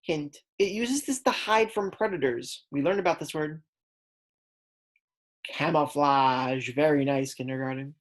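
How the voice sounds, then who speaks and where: A kindergarten teacher with a deep voice takes an unhurried pace reading a lesson aloud to little children. She keeps word explanations simple and prompts her pupils.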